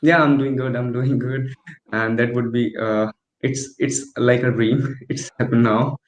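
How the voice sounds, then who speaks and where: A man hosting an interview show, earnest and halting, often restarting his sentences. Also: medium pitch, fairly even intonation. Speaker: host. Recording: dull echoey lo-fi sound.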